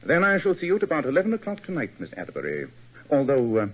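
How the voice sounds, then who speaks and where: An actor playing Sherlock Holmes in a 1940s radio drama, measured, polished and authoritative, on a lo-fi old broadcast. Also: male voice, a little high, wildly swooping pitch, a bit bright, breathy edge, full character voice. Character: Sherlock Holmes, cool, precise detective.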